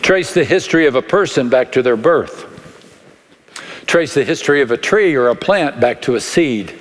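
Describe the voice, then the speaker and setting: A man with a West Texas accent preaching a sermon as a pastor, measured and deliberate, in short phrases with dramatic pauses. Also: medium pitch, expressive. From West Texas, United States. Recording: long echoing reverb of a large hall.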